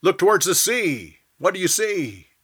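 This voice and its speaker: A man voicing a bold male prophet who speaks forcefully and insistently, in a Bible storytelling reading. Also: high-pitched, sing-song, measured pace, slightly rough, voice pushed up, full character voice. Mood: commanding.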